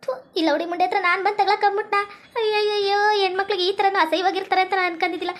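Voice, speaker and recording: [name], a woman doing a shrill wailing village woman. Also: level tone, racing, fairly bright tone, soft background music. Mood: panicked. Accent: North Karnataka Kannada. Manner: wailing, scolding, crying for help. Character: loud, dramatic village woman locked in a cell.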